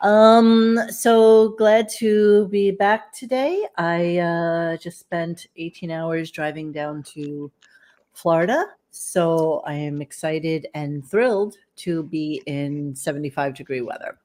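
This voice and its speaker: A woman's voice: on the low side, slow, dark tone. A woman hosting a casual, salty talk show with an echoey sound, as if away from a close microphone. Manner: salty, swearing, joking. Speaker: host. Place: echoey basement room.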